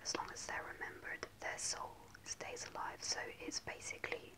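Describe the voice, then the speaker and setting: A personal story comes in a hesitant, soft, unvoiced whisper from a young ASMR creator, with many ums along the way and a moderate pace. She sits close to a camera at face level in a small room, a starry backdrop behind her.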